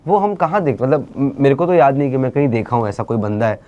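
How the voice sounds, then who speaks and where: A man speaking as an interview guest, talking in an animated, casual way and dropping English phrases into his speech. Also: medium pitch, fast talker, lo-fi sound. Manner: animated, mixes English into speech, many fillers. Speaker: interview guest, actor and creator.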